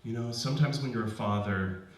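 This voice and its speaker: A man quoting his own father, a heavy, quiet middle-aged dad, in a low subdued voice. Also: a little fast, lightly acted. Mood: rueful. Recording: very echoey room, distant mic.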